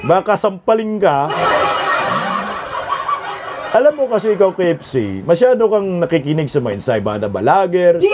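A man's voice: high-pitched, noisy background. A Filipino man hosting a livestream, teasing and mocking a viewer in casual banter, laughing often. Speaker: livestream host.

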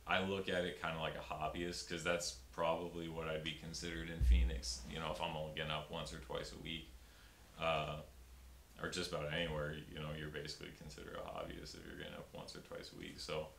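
Brisk and creaky, with a fairly bright tone, a very deep-voiced young man speaks casually in an interview. He's a stand-up comedian, and his talk is full of fillers and restarts. He sits before a pink backdrop in a small room, framed upper-body by a fixed camera, with roomy, faintly hissy audio.

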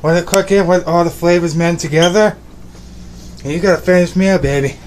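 A young man's voice sits high with a darkish tone, fairly even intonation and a fairly quick pace as he cheerfully rambles and repeats himself in a cooking vlog. It's filmed indoors on a phone at arm's length in his small kitchen and bedroom, with slight background noise.

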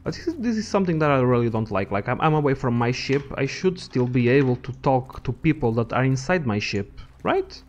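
A man's voice: mid-range voice, very animated, fairly quick, hardly any pauses, darkish tone, lo-fi sound. Rambling young man narrating gameplay. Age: young adult. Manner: rambling, profane, thinks aloud. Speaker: gaming channel host. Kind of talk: casual gameplay commentary.

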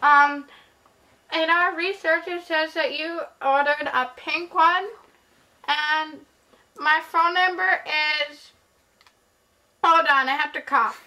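Woman playing a fake store clerk, prank voicemail, high bright voice, halting, stumbling. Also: steady tone, heavily acted, low-quality recording. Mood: mock-polite. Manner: halting, stumbling over words. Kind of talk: prank phone call.

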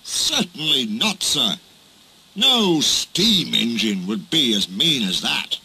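A man's voice: medium pitch, sing-song, takes it slowly, vocal fry, sharp tone, slight background noise, heavily acted, rough recording. A man voicing a hard-working little storybook engine, grave, polite and dignified. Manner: grave, polite, plain-spoken. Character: small hard-working engine, earnest, dignified, put-upon.

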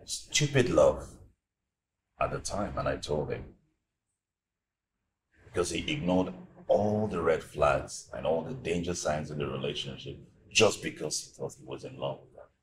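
A divorced man with a nigerian accent, super deep voice, gossipy and amused, echoey room with noise behind. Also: unhurried, pauses often. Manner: conversational, laughs between remarks. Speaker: boss's friend confiding in a young employee.

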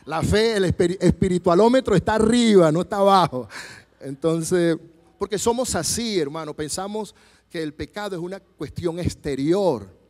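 A man's voice: sits high, moderate pace. A man in his forties with a Venezuelan Spanish accent, preaching a sermon on a church stage into a handheld mic, telling stories and acting out the dialogue. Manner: animated storyteller acting out dialogue, gesturing freely. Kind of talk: sermon with told anecdotes. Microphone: handheld microphone. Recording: long church hall reverb.

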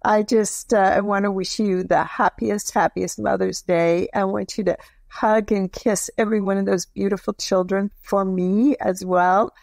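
An older woman with a gravelly, creaky voice talks warmly and a bit hesitantly, often pausing to search for words. The recording is dry and close, with no room echo. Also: mid-range voice, steady tone. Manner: warm, hesitant, chuckling. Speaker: guest on the phone, host's mother. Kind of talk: casual chat.

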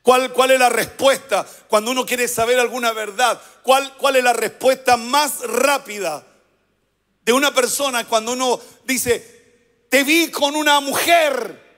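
A pastor delivering a sermon, prompting the congregation to repeat phrases back to him. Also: male voice, very high-pitched, fairly even intonation, a little slow, fairly bright tone, long reverb tail. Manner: preaching with call-and-response prompts to the congregation.

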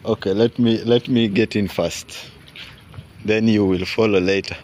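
A man films a casual walking vlog on his phone outdoors by a stadium at dusk, chatty and teasing as he mixes English and Swahili. His lowish, darkish voice is steady and a little slow, with outdoor street noise around him.

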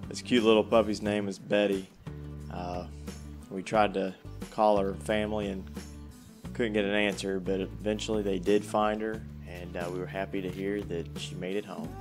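Low-voiced male vlog narrator, steady and reflective, over background music. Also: moderate pace. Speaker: hiking vlogger.

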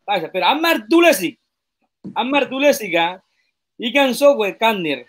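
High-voiced man reading out class questions. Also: sing-song, unhurried, fairly bright tone.

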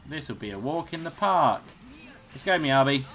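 A man's voice: mid-range voice, lively intonation, normal speed, a bit bright. A young man hosting a let's play, giving casual, rambling gameplay commentary and swearing freely. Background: game music.

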